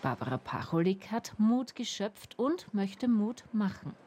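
A woman reading a radio feature report in an even, measured way. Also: medium pitch, a little hiss or hum. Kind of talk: scripted feature narration.

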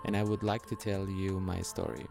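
A man's voice: low voice, level tone, normal speed, creaky, over music. A man, speaking hesitant English as he tells his life story, with fillers and restarts. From Iran. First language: Farsi. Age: 30s. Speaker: interviewee, musician. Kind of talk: personal storytelling.

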